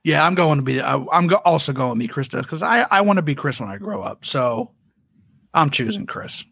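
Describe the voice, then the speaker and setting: A man's voice: on the high side, lively intonation, brisk, creaky, a bit bright, breathy edge, dry recording, studio quality. A man hosting a casual podcast chat, chatty and reading out listener comments. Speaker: podcast host.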